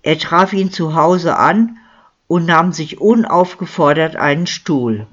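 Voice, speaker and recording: An audiobook narrator reading a crime story in a measured, even manner, on a dull lo-fi recording. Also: medium pitch.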